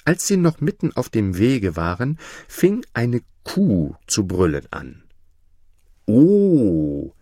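Man reading a fairy tale, slow and really lively in pitch, dry close sound. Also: husky, no echo. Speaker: narrator. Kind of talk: storybook reading.

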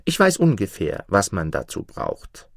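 A man's voice: low-pitched, huge pitch swings, measured pace, creaky, no echo, clean studio sound, exaggerated voice. A man voicing a kind, clever female goose in a fairy tale, speaking in a soothing, knowing way. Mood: reassuring.

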